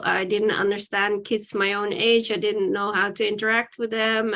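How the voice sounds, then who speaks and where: Dutch-born woman in her forties, slightly high. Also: fairly bright tone. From Netherlands. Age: 40s. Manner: candid, reflective, with many "um"s. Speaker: podcast guest. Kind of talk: interview.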